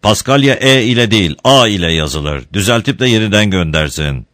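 A burly, stubborn village priest from a storybook, read by a man, blustering and proud. The voice sits deep and low, with lively swings in the line. The recording is dry and close. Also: brisk, no echo. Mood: defiant.

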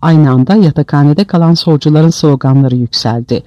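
A man's voice: on the high side, brisk, dark tone, dry recording. A man narrating an audiobook in a dramatic storytelling manner, on a dull, dry lo-fi recording.

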